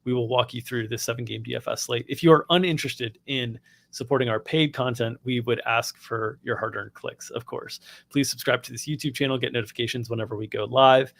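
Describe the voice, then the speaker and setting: A man's voice: medium pitch, fairly even intonation, a little fast, creaky, fairly bright tone. A man hosting a live sports betting stream, upbeat and practiced as he reads sponsor plugs. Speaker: host.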